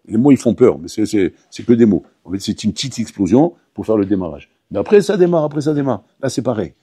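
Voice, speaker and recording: A man, a rabbi, teaching a lively Torah class to yeshiva students. He talks to them directly and acts out little dialogues. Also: lowish voice, quick pace, husky, no echo, studio quality. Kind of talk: animated Torah lesson. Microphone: audio recording of a class.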